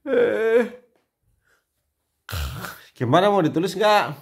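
A man's voice: sits high, big pitch swings, slow pace, vocal fry. A man with a Javanese-Indonesian accent, teasing his wife in a casual home video before turning coaxing and apologetic. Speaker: husband filming a family prank video. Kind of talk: teasing casual family banter.

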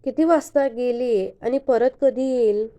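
An earnest young man who cares deeply, gently spoken in a very dark, mellow tone, as a woman narrator puts him on. The storybook voice sits a little high for a man, calm and sincere. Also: measured pace, close to an everyday voice. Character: young man, worried, caring suitor.

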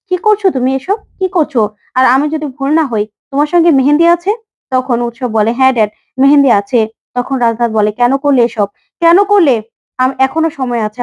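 A woman's voice: high-pitched, dull audio. A woman retelling a TV serial episode, voicing each character's lines in her own voice.

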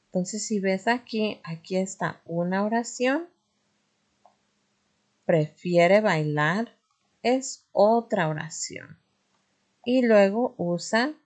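Slow, low-voiced teacher woman. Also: a little mellow. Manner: patient, self-correcting, frequent "este" fillers. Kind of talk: classroom grammar lesson.

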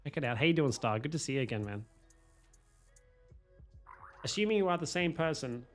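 Though his voice is going hoarse from a cold, this man keeps joking, swearing, and poking fun at himself as he chats with viewers while streaming a game from home on a headset. His pitch runs fairly high, his delivery expressive and brisk, with faint music behind.

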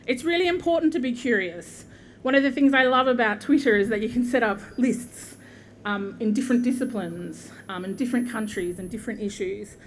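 Standing at a podium mic in an outdoor university courtyard, a middle-aged Australian woman delivers a commencement speech as the invited guest, a constitutional lawyer from southeast Queensland. She sounds earnest and measured in a mid-range voice, often saying um and gesturing. A little hiss or hum runs through the recording.

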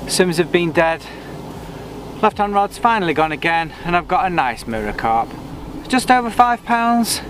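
On a lakeside bank, a man vlogs about his fishing with a high voice at normal speed, relaxed and chatty as he talks himself through each step. The camera sits on the bank in front of him, picking up faint outdoor noise.

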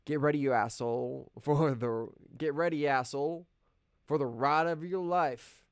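A man's voice: medium pitch, expressive, extremely slow, gravelly, darkish tone, dry recording, clean studio sound, full character voice. A man voicing a frustrated, bitter man's inner voice from his own script, angry and swearing.

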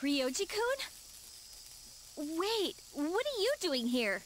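A woman voicing an anxious, timid young girl in a video game, asking soft, uncertain questions. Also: very high-pitched, very animated, slow, slight background noise, full character voice. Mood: worried.

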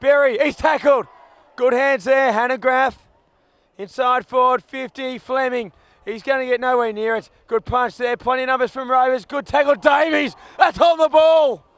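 A man calling a football match live, rattling off players in clipped bursts and shouting at big moments. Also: very high-pitched, steady tone, normal speed, no echo. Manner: clipped bursts of names and actions. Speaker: football commentator. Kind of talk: live play-by-play commentary. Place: commentary box at an outdoor ground.

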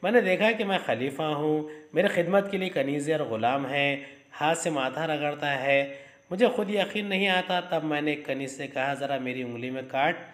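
A man's voice: on the high side, normal speed, fairly bright tone, natural voice. A man reading as a haughty deluded would-be caliph. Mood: bewildered. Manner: haughty and commanding. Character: deluded young man who believes he is the caliph, imperious. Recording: roomy echo.

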